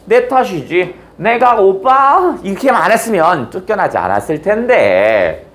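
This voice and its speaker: A woman's voice: mid-range voice, very animated, a little slow, voice pushed up. A man voicing an exiled young court lady who longs for her lord, plaintive and confiding. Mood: regretful.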